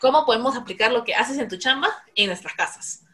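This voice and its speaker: A woman hosting a casual interview, lively and chatty, often acting out her own quoted reactions. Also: on the high side, brisk. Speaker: podcast host.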